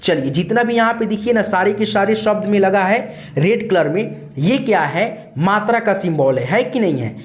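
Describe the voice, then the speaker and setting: A man's voice: high-pitched, animated, normal speed. A man teaching an online lesson, explaining letters and spelling step by step in a patient, repetitive way and addressing viewers as friends.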